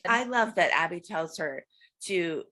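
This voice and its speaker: A woman's voice: lowish voice, lively intonation, measured pace, bright, forceful tone. A middle-aged woman co-hosting a podcast, chatting casually with frequent laughs and agreement. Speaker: podcast co-host. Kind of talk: casual chat recapping a reality show.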